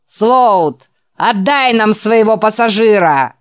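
A woman voicing a mob of male trolls shouting mocking taunts, higher and louder than her narration. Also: big pitch swings, takes it slowly, no room sound, clean studio sound, full character voice. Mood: jeering.

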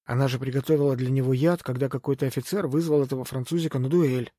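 A man voicing a wounded, scrappy young street lad who talks in a hoarse, nervous way in an audiobook. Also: mid-range voice, fairly even intonation, quick pace, warm tone, dry recording, studio quality, lightly acted. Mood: hushed. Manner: hoarse, nervous boyish chatter. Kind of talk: audiobook character voice.

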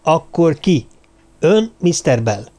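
A man's voice: fairly high pitch, sing-song, dark tone, pitched above the performer's own voice. A man playing a stern, insistent interrogator. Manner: firm, insistent questioning. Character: stern male investigator leading an interrogation.

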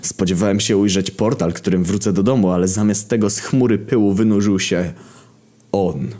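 A man reading a crude comic story aloud in a deadpan, profane narrating manner. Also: lowish voice, a little fast.

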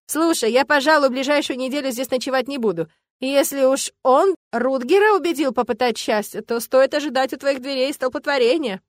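Teasing young student girl voiced by a woman narrator with a high, dry voice in an audiobook. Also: a little fast, dry recording, lightly acted.

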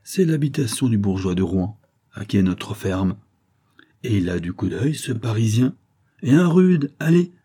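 A man's voice: lowish voice, big pitch swings, measured pace, dark tone, slightly rough, full character voice. A man voicing an eager, boastful young farmhand who talks in a rustic way, in a read-aloud storybook.

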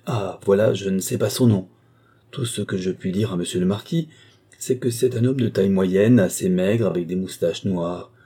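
A man's voice: low-pitched, moderate pace, mellow, husky. A man voicing a sly, deferential valet who talks ceremoniously and at length in an audiobook. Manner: long-winded, ceremonious. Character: adult male valet, sly, wordy, deferential.

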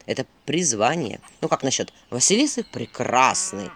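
Woman doing a grumpy male owl, sarcastic, mocking, lowered voice, lively intonation. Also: normal speed, a little hiss or hum, heavily acted. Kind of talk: audiobook character voice.

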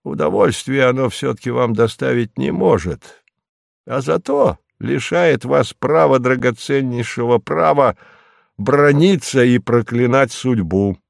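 A man voicing a bitter, grumbling middle-aged landowner in an audiobook, speaking slowly and sourly. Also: mid-range voice, animated, gravelly, no echo, clean studio sound. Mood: gloomy. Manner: slow, sour, sententious. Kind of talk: audiobook character reading.

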